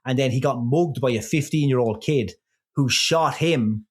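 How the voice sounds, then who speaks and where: A man's voice: mid-range voice, moderate pace, slightly rough. A man co-hosting a casual podcast, retelling a story in a rambling way, full of swearing and restarts. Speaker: podcast co-host.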